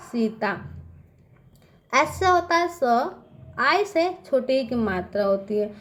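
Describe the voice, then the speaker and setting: High-voiced woman teacher. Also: a little hiss or hum. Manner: patient, addresses listeners as children, repeats checking questions. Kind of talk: classroom-style tutorial.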